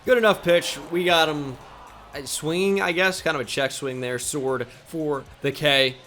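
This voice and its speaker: A young man giving live commentary on a baseball video game, quickly flipping between frustration and joking at himself. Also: on the high side, soft background music. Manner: excitable, swings between frustration and self-mockery. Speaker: gaming channel host.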